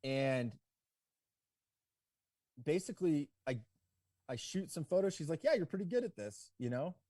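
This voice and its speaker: A man of around forty, a guest on a podcast interview, telling his story in a relaxed, rambling way full of "like" and "you know". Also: fairly high pitch, unhurried, no echo, studio quality. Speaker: podcast guest, ski business owner.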